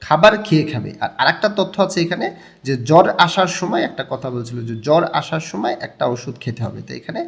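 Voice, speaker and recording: A young man with a Bangladeshi Bengali accent teaches a language lesson. He talks quickly in a slightly high voice, walking through each point and repeating the key words. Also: sing-song, vocal fry. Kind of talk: explaining a textbook lesson.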